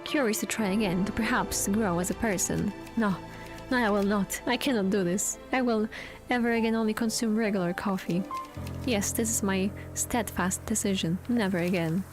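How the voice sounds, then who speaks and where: A woman's voice: medium pitch, moderate pace, lightly acted. A woman doing a stiff robotic customer. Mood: stiff formal. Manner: flat robotic formal delivery. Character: stiff formal café customer giving a presentation. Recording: music playing behind.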